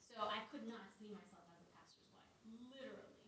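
A pastor's wife telling a personal story at a convention, animated and acting out the lines she quotes. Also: mid-range voice, fairly quick. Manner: animated, acts out quoted dialogue. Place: convention hall. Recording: echoey hall mic from a distance with crowd noise.

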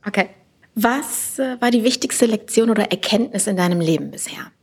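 A friendly woman hosts an interview podcast in a gallery, her voice breathy and soft-edged. She laughs easily and keeps the questions flowing. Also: mid-range voice, expressive, normal speed. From Düsseldorf. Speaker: podcast host. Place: art gallery.

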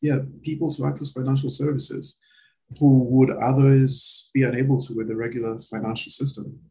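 Hesitant male interviewer, mid-pitched voice. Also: little pitch movement, fairly quick, a little mellow, low-quality recording. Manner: hesitant, many "uh" and restarts. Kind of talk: casual interview chat.

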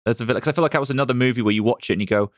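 A man hosting a casual podcast chat, lively and questioning, with many "like" fillers. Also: medium pitch, racing, no room sound, studio quality.

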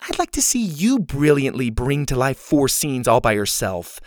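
A man's voice: medium pitch, big pitch swings, normal speed, no echo, studio quality, close to an everyday voice. A man voicing a snooty, dramatic teenage girl who talks down to the boys in an audiobook. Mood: scornful. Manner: indignant and theatrical.

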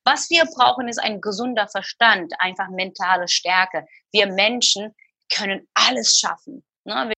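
A woman's voice: mid-range voice, unhurried, gravelly, bright, forceful tone, slightly rough, dry recording. A woman talking as an interview guest and mentor, emphatic and motivational, repeating her phrases for weight. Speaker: mentor and coach.

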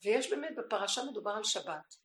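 A woman giving an impassioned religious teaching, swinging from hushed, intimate tones to crying out. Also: medium pitch, lively intonation, slight background noise. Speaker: spiritual teacher. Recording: echoey room recording.

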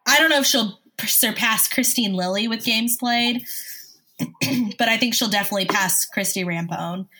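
A woman chatting casually and analytically about sports as a host, with a smoker's cough and frequent throat clearing. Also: on the high side, normal speed, pushed and bright. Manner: analytical, recites player statistics. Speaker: sports talk show host.

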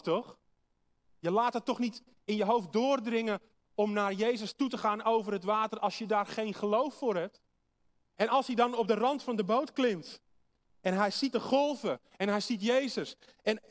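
A high-pitched man delivers a sermon to a congregation. He explains things patiently and poses questions for his listeners to think over. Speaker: preacher. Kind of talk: sermon with Bible reading.

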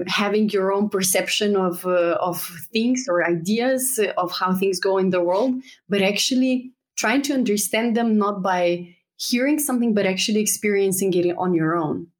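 Reflective woman from Slovenia. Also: mid-range voice. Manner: thoughtful, reflective, frequent "you know" fillers. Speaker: guest, travel startup co-founder. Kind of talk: casual interview conversation.

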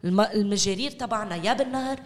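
A woman with a Lebanese Arabic accent talks quickly in an interview discussion. She stresses her points by repeating words. The recording carries the long reverb of a hall. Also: medium pitch. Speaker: interview guest, local development expert. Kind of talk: animated discussion.

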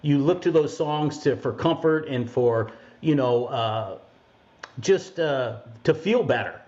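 Guy hosting a podcast, halting and earnest, kinda muffled sound. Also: mid-range voice, animated, a little mellow. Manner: halting, earnest, many restarts. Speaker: podcast host. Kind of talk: casual interview.

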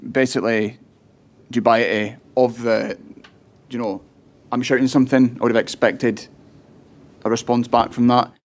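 A man's voice: medium pitch, flat delivery, normal speed. Hesitant man giving testimony. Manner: hesitant, with many ums and restarts. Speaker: police officer giving evidence. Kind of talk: formal inquiry testimony.

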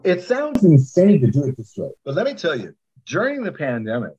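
A podcast producer and sound editor chats in an animated, casual interview, telling stories in an emphatic, rambling way. His fairly high voice swoops wildly in pitch, a little fast, with a dark, husky tone over dull audio.

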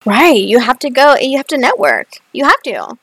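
A woman co-hosting a podcast, talking casually and excitedly with lots of fillers and big swings in pitch. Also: normal speed, breathy edge, no echo, low-quality recording. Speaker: podcast co-host. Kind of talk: casual chat. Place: rural area, far from a city.

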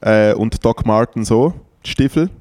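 A man's voice: fairly low pitch, a little slow, a little mellow, no room sound. Man, Swiss German accent, podcast co-host, dry quips, teasing asides. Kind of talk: casual comedic chat.

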